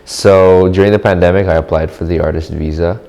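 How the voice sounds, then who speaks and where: A man's voice: sits low, fairly even intonation, brisk, vocal fry, mellow. A man from the Philippines, giving casual, thoughtful interview answers in short reflective phrases. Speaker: artist interviewee.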